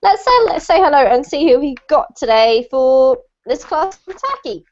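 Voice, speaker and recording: A woman's voice: sits high, lively intonation, normal speed, darkish tone, muffled recording. A woman teaching a live online English class, chatty and speaking straight to her students over a video call.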